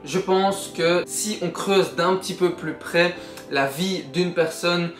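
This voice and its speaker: Young man, earnest vlog talk, slightly high voice, roomy echo, faint music behind. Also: slow. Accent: Belgian French. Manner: earnest, encouraging, addresses viewer informally. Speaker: YouTuber. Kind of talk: book summary vlog.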